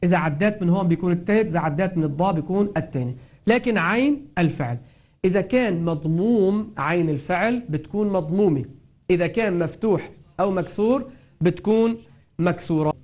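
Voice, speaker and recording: Patiently teaching Quran recitation, a man with a Lebanese Arabic accent covers grammar and tajweed, repeating points and elongating example words so listeners catch them. He talks fast, his voice high and a little mellow.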